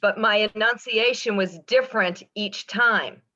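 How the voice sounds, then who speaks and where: A woman's voice: medium pitch, unhurried, sharp tone, lo-fi sound. A woman volunteering in a workshop, explaining herself plainly over a video call. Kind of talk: casual chat.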